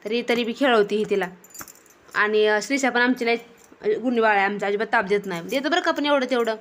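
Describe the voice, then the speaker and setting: A woman's voice: fairly high pitch, brisk, a bit bright. A young woman, casually narrating a family vlog outdoors in a garden, chatty and scolding her children now and then. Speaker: vlogger and mother.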